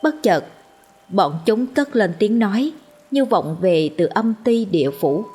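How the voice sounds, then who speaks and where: A woman's voice: medium pitch, expressive, unhurried, mellow, slightly rough. A woman narrating a ghost story as a storyteller.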